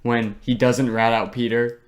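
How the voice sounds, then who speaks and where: A man's voice: mid-range voice, little pitch movement, unhurried. A young man co-hosting a podcast with an ordinary mid-range voice. He talks in an enthusiastic, slangy way and teases his friend. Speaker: podcast co-host. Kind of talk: casual chat.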